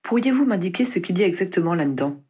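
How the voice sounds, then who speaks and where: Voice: mid-range voice, animated, fast talker, darkish tone, slightly rough, voice pushed up. A reader doing a polite, firm young male wizard, Harry Potter.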